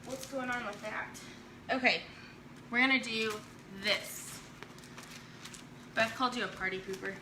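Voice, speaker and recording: Hosting a casual chalk-craft live stream from home, a woman chats with viewers, teasing, joking and laughing often. Her voice is fairly high and her pace measured, with long pauses, against a noisy background.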